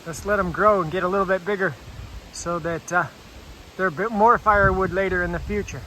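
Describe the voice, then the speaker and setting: A man chatting casually as he vlogs outdoors on his rural property, relaxed and full of fillers, a bit out of breath. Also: high-pitched, fairly quick, slight background noise, poor audio. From Alaska. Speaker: homesteader vlogger. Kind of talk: casual outdoor vlog narration.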